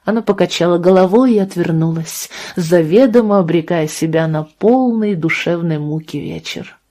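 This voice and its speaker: A woman reading an audiobook, calm and measured. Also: on the low side. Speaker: audiobook narrator. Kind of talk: expressive audiobook narration.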